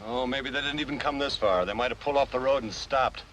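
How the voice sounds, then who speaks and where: Loud vehicle noise, old film sound, male actor as alert matter-of-fact man, rapid delivery, 1940s mystery. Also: mid-range voice, lightly acted. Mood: tense, businesslike. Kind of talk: 1940s B-movie mystery acting.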